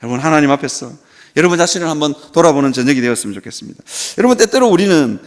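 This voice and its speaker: A man's voice: fairly high pitch, lively intonation, racing. A male pastor preaching a sermon at a Friday worship service in a church. He tells stories with animation and asks rhetorical questions.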